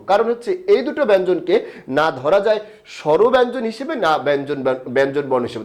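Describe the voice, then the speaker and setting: A man teaching an online grammar lesson, who asks the class questions and then answers them himself, and says key sounds over slowly. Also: on the high side. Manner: repeats key terms slowly. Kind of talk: online lesson, explaining and quizzing.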